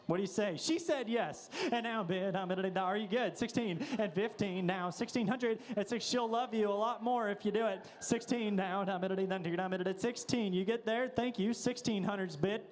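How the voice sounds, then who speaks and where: High-pitched man rattling off auction bids. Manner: rattling, repetitive bid calling with filler words. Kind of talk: rapid auctioneer chant taking bids. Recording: echoey hall with long reverb.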